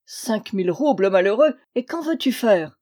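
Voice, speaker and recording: A woman reading the lines of a rich, stingy older landowner uncle in an audiobook, with a dry, gruff and teasing manner. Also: mid-range voice, expressive, moderate pace, dark tone, lightly acted.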